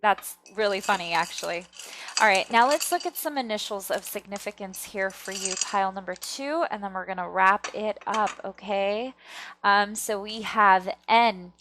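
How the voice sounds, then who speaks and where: A woman's voice: mid-range voice, normal speed, fairly bright tone, slight background noise. A woman hosting a casual pick-a-card reading, chatting to viewers and often checking in, with slightly thick-tongued, stumbling articulation. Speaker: tarot reader and video host.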